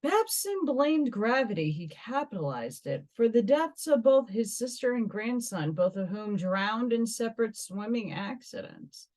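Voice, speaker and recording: Her voice is fairly high and sing-song, a little slow and slightly mellow, with hardly any pauses. She's a New Yorker hosting a metaphysical vlog, reading articles and wandering into dramatic, reflective asides.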